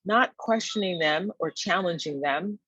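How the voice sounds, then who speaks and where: A woman's voice: fairly low pitch, a little slow, a bit bright, slightly rough, dry recording, low-quality recording. A woman guest in a podcast conversation, speaking thoughtfully and often checking in with a tag question.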